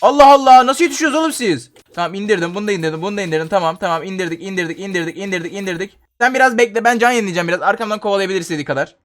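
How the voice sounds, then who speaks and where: Fast, high-voiced young man commenting on a game. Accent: Turkish. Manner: jumps into loud panicked yelling when dying. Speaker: gaming channel host. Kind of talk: excited Roblox gameplay commentary.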